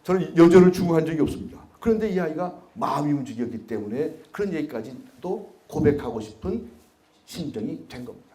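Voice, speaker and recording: A man's voice: a little high, expressive, brisk, dark tone. A man, a former prosecutor, giving a public lecture to an audience. He tells stories and puts rhetorical questions to the listeners. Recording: roomy hall echo.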